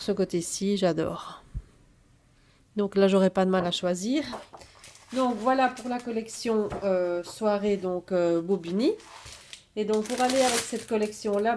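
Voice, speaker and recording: A woman showing off her scrapbooking purchases in a casual haul video, talking slowly and hesitantly with many fillers. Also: mid-range voice, a little mellow, slight background noise.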